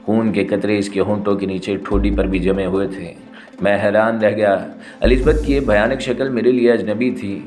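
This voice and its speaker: A man narrating a spy novel in the first person, in a steady, dramatic storytelling manner. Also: on the low side, soft background music.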